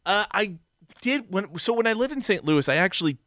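A man's voice: high voice, expressive, a little fast, fairly bright tone, no room sound, studio quality. A man co-hosting a podcast in casual chat, wry and rambling as he runs a trivia quiz. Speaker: podcast co-host.

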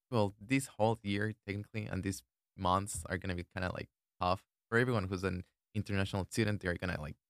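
A man's voice: sits low, vocal fry, fairly bright tone, no room sound, studio quality. A young man, chatting in a laid-back, thoughtful way as a student guest. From Ecuador. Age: 20s. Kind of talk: casual chat.

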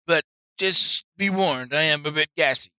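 A man's voice: fairly high pitch, pushed and bright, smooth, dry recording. A man playing a cheeky male dwarf adventurer who cracks jokes. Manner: joking, wisecracking.

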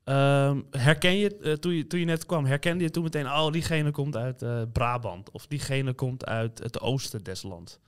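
A man's voice: medium pitch, normal speed, hardly any pauses, smooth. A man with Kosovar roots, conversational and asking questions in a casual panel talk. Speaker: panel member. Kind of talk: casual chat.

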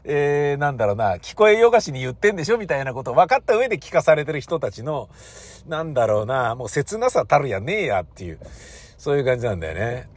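A man's voice: mid-range voice, very animated, fast. A man in the entertainment business giving a rambling, self-mocking rant in a casual solo monologue.

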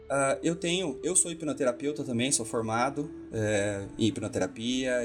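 A man telling stories as a hypnotherapist guest in a casual podcast talk, acting out the voices he quotes. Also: medium pitch. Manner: animated, acts out the voices he quotes.

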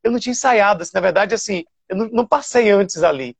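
A TV presenter from Bahia, telling stories animatedly with fillers and restarts. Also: male voice, high-pitched, fast talker, creaky, husky, no room sound. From Bahia, Brazil. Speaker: TV show presenter. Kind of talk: casual storytelling interview.

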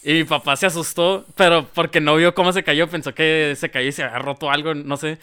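A man with a Mexican accent, a guest on a chat show, telling a story in a relaxed way with many fillers. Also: fairly high pitch, fairly quick, clear, resonant tone. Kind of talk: casual storytelling.

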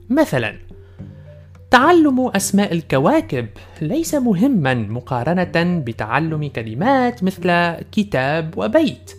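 A man with a voice that sits high hosts a language podcast, presenting a scripted lesson in English and in carefully enunciated formal Standard Arabic.

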